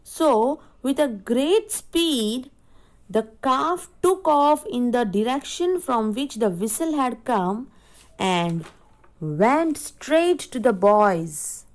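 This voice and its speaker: A woman teacher reads a storybook aloud in a slow, careful way, pausing often to define words for young pupils. Her voice sits a little high, and she keeps the pace unhurried so the class can follow. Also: animated. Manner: slow and explanatory, stops to define words for children. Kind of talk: reading a story aloud in an English lesson.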